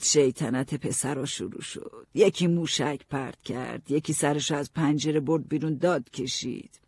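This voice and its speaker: A man narrating a story in the first person, calm storytelling. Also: on the high side, gravelly, husky, no echo, clean studio sound. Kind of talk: audiobook narration.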